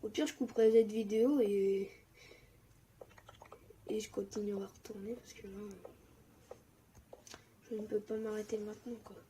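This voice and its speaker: Excitable young woman gaming, mellow tone. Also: medium pitch, normal speed, pauses often, slight background noise. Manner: excitable, often drops to a mumble or whisper. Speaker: gaming YouTuber. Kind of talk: casual Minecraft commentary.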